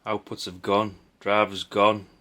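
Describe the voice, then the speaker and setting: Flat, measured and fairly low in pitch, his voice comes across pushed and bright. The middle-aged hobbyist video host sorts old parts while offering casual, unscripted, rambling talk that's blunt and chatty, with mild curses and tag questions.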